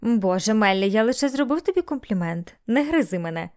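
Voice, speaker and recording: A woman's voice: medium pitch, expressive, fairly quick, darkish tone, natural voice. Audiobook figure: cheerful young man teasing his friend, voiced by a woman narrator, light touch. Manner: playful teasing.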